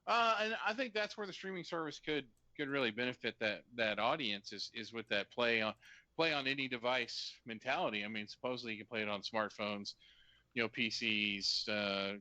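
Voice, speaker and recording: A man with a bright, forceful voice chats casually on a podcast, recorded dry and close. He hesitates often and fills the pauses with ums. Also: medium pitch, no echo. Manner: relaxed, hesitant, lots of ums. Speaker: podcast co-host. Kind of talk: casual chat.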